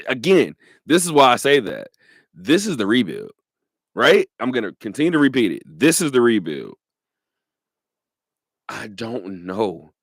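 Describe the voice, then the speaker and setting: A man hosting a sports radio talk show, talking in an animated way, laughing often and repeating his points. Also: fairly low pitch, vocal fry, no echo, clean studio sound.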